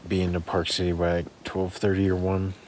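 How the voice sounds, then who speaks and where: Low-pitched male hiker vlogging from his tent on a phone mic, easygoing and rambling, noisy audio. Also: monotone, fairly quick, a little mellow. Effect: recorded on a phone, audio bad. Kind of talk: casual camping vlog. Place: inside a small tent with mesh liner. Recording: noisy phone recording outdoors.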